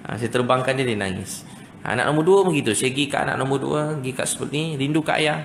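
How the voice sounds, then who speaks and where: A man's voice: medium pitch, very fast, creaky. A man with a Malaysian Malay accent preaching, telling family stories and acting out the voices of parents and children. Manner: storytelling, acts out family voices. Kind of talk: sermon with anecdotes. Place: mosque lecture hall. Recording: echoey hall with faint noise.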